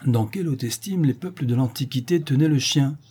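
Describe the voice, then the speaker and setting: A man voicing a calm, learned young gentleman who speaks in a measured, erudite way, in an audiobook reading. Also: medium pitch, breathy edge, voice pushed up, natural voice. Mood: assured.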